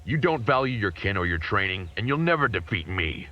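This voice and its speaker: An actor playing a grim, hostile young martial artist in an anime dub, curt and contemptuous, heard from a worn VHS tape copy. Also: male voice, on the low side, very animated, brisk. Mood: cold. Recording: muffled worn tape with loud music.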